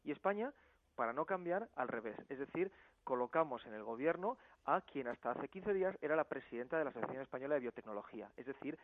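A man's voice: mid-range voice, animated, quick pace, no room sound. Firm man on a tinny phone line. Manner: firm, argumentative. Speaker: campaign spokesman. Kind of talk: phone interview.

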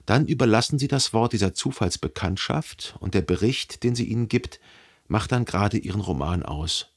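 A brooding man narrates in a husky, lowish voice that stays animated, his mood wistful and reflective. He speaks in long, deliberate, measured sentences as a jealous, introspective first-person narrator who is in love. It's literary radio drama narration told in the first person.

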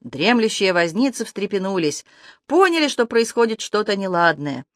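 An audiobook narrator reading a fantasy adventure aloud, lively and expressive, pushing the voice up and louder through the action. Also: mid-range voice, normal speed, dry recording, studio quality.

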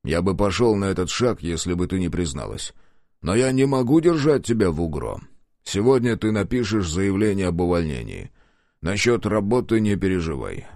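Give me a man playing a measured, weary police chief with a low voice. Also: dry recording, studio quality. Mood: calm. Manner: calm, measured and slow. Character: calm, weary older male police chief.

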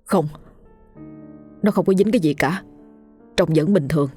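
A woman's voice: sits low, moderate pace, mellow, breathy edge, faint music behind. A woman voicing a frightened young office manager who stammers and trembles with guilt. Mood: panicked guilt.

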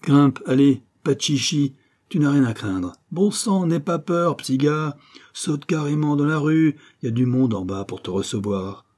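A man's voice: steady tone, brisk, hardly any pauses, dark tone, close to an everyday voice. A man voicing a cocky, streetwise Parisian boy in an audiobook, slangy and brash. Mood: urgent. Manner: slangy, brash, raised pitch. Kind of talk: audiobook dialogue.

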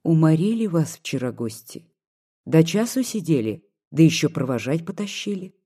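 A reader voicing a young peasant woman in an audiobook, devoted and anxious, speaking softly and pleadingly. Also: mid-range voice, big pitch swings, moderate pace, breathy edge. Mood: teasing. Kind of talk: audiobook dialogue reading.

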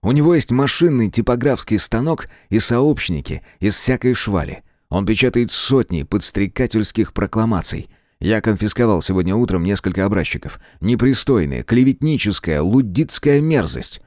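A man voicing an indignant, determined gentleman scholar in an audiobook. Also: lowish voice, animated, normal speed, no room sound, clean studio sound, lightly acted. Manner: indignant, heated.

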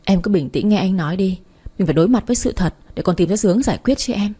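A woman reads the part of a soft-spoken young boyfriend in a spoken story, teasing yet protective. The voice is dark and mellow with a husky, breathy edge. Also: mid-range voice, lively intonation, quick pace. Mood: soothing. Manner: soft, reassuring, lightly teasing. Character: gentle teasing young man, the narrator's boyfriend.

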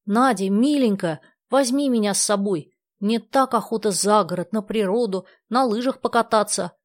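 Storybook figure: a woman playing a begging, excitable schoolgirl, high and breathless with eagerness. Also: normal speed, no room sound, clean studio sound. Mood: eager. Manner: pleading, eager. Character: eager young girl, pleading and excitable.

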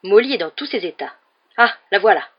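A woman voicing an excitable, enthusiastic balding wizard father in an audiobook reading. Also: mid-range voice, brisk, slightly rough, highs cut off.

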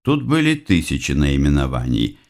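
Casting: deep-voiced male reader, wry and commanding first-person narration. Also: huge pitch swings, moderate pace, darkish tone. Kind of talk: audiobook reading.

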